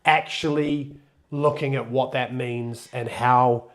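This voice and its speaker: A man talks loosely and jokingly, mid-pitched, as he hosts a laid-back live stream. He is getting over a cold and still sounds a little worn. His speech is casual, full of restarts and asides. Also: steady tone, slow pace. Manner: chatty, loose, restarts and jokes. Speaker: co-host of a sailing channel live stream.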